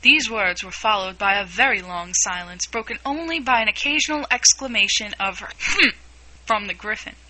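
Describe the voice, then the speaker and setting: A woman narrating a classic storybook aloud in a measured, expressive reading. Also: mid-range voice, rough recording. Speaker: audiobook narrator.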